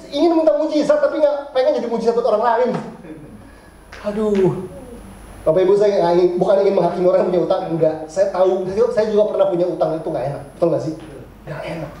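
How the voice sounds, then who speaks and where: A middle-aged male pastor giving a lively, joking sermon, acting out his congregants' complaints. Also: sits high. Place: church hall. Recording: very echoey church hall.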